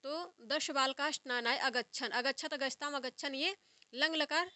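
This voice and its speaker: Young woman teacher going over forms slow and repeating, high bright voice, dry close sound. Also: dry recording. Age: young adult. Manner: slow, repetitive recitation of word forms, explaining step by step. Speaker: Sanskrit teacher. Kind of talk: exam-prep lecture.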